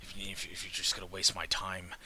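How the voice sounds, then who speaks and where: A man's voice: low-pitched, monotone, quick pace, pushed and bright, slightly rough, pitched below the performer's own voice, full character voice. A man playing a shady, bored stall-keeper in a tabletop game, nonchalant, sarcastic and hesitant. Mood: dismissive sarcasm. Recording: faint hiss.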